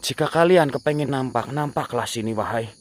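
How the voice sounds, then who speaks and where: A man hosting a ghost-hunting vlog, loudly chanting calls to spirits and then speaking in hushed asides to viewers, outdoors at night. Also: mid-range voice, brisk. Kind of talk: night-time paranormal vlog. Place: outdoors at night among trees. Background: crickets and insects.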